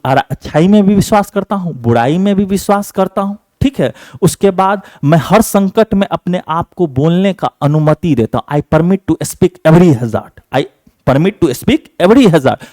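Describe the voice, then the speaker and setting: A male teacher running an exam-prep class, repeating each answer slowly and checking again and again that students have it memorized. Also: sits high, a little mellow, no room sound, clean studio sound. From Bihar, India.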